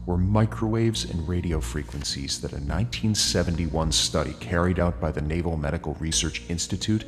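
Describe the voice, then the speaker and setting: Male narrator, disguised voice dropped extremely low, steady scripted read, long reverb and faint music under it. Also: moderate pace.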